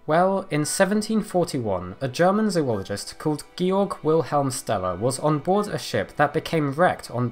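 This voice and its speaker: Guy doing nature documentary voiceover, lively up and down pitch, measured and explanatory, music behind him. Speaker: narrator. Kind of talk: scripted nature documentary narration. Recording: voice over background music.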